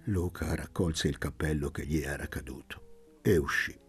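A man narrating a literary novel as an audiobook, in a measured, expressive way. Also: rumbling low, husky, faint music behind.

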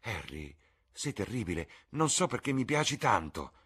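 A man with a husky voice reading an earnest, passionate young man, raising his voice for him. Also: very deep voice, animated, moderate pace, a bit bright, exaggerated voice.

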